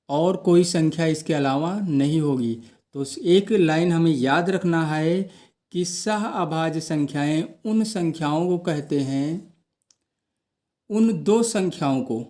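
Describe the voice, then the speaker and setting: A man's voice: fairly high pitch, dark tone. A man teaching a math lesson, posing questions to the class and answering them himself.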